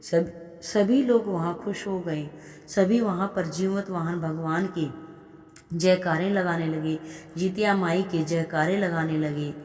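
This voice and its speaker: A woman's voice: on the low side, takes it slowly, darkish tone. A woman narrating a devotional folk tale and acting out the characters' lines with feeling. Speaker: storyteller. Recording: echoey room with long reverb.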